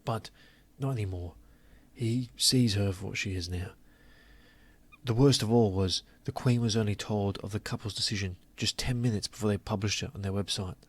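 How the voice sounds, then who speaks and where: Guy ranting sarcastically at his viewers, husky low voice. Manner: sarcastic, scornful, drawn-out emphasis. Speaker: commentary channel host. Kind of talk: opinionated commentary.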